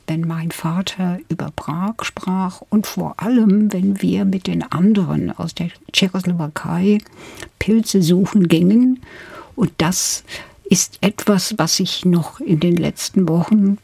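An older Englishwoman, a literary scholar and native English speaker, is a guest in a radio interview, telling stories in a reflective, measured way. Her fairly low voice is gravelly, husky and warm, with no room sound.

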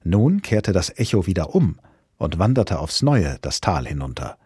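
A man narrating a children's storybook in an expressive, dramatic way. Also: low-pitched, moderate pace, husky, dry recording, clean studio sound. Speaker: audiobook narrator.

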